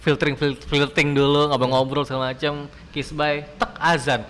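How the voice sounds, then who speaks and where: A man's voice: a little high, flat delivery, fairly bright tone, big-room sound. A man, a co-host trading playful teasing jokes in casual banter. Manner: playful, quick teasing replies.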